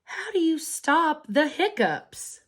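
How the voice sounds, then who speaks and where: Reading a picture book to small children, a woman who teaches preschool tells the story slowly and with lots of expression, in a high voice.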